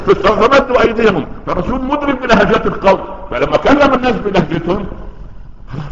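A man's voice: expressive, rapid-fire, a little hiss or hum. A man preaching a sermon, telling stories and acting out the voices of the people in them. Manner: storytelling, acts out quoted voices with big pitch swings. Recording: echoey long-reverb hall, dull lo-fi sound.

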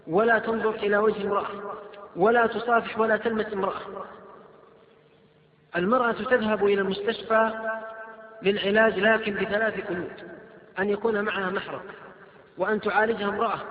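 A man preaching to an audience, reading out questions and answering firmly in numbered points. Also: sits high. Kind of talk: religious lecture Q&A. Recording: tinny, echoey hall recording with crowd.

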